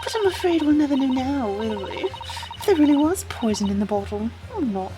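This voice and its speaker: A woman voicing a smug, condescending English villainess in a fan game dub, breathy and slowly taunting. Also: sits high, expressive, music in the background, pitched above the performer's own voice. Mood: mocking. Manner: taunting, drawn-out sneering delivery.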